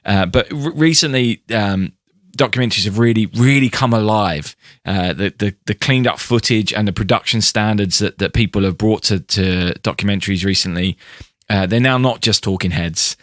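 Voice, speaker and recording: A man hosting a podcast, talking casually and haltingly, often repeating words. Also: fairly low pitch, fairly bright tone, no echo, clean studio sound. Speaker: podcast host. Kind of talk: casual chat.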